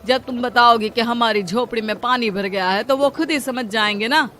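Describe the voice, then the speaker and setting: A woman voicing a poor, brave laborer husband in a cartoon story, earnest and quick to exclaim. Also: fairly high pitch, fairly bright tone, slight background noise, natural voice. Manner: earnest, exclaims "arey" a lot. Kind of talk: Hindi cartoon story dubbing.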